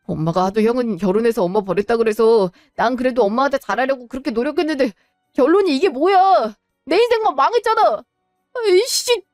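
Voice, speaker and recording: A woman voicing a bitter, hot-tempered divorced adult son who shouts resentfully. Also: on the high side, no echo, studio quality, lightly acted. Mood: furious. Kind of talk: Korean web drama voice acting.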